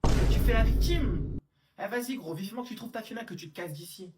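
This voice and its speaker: A woman's voice: mid-range voice, lively intonation, fast talker, heavy background noise, pitched above the performer's own voice, lightly acted. A woman doing a roommate in whispered role-play. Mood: irritated. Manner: hushed, irritated squabbling. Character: bickering roommate, irritated, at night.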